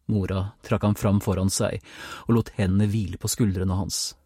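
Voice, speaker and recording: A man narrating an audiobook in a calm, measured storytelling manner, recorded on a close mic. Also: deep voice, breathy edge, no room sound. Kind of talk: scripted narration.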